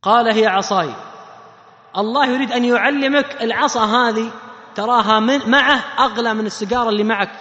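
A man preaching a sermon, animated and often questioning his audience. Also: extremely high pitch, brisk. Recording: echoey hall, muffled sound.

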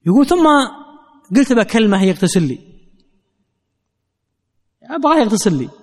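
A man's voice: high-pitched, sing-song, moderate pace, a little mellow, in a large hall. A man preaching a sermon, telling a story and earnestly addressing his listeners directly.

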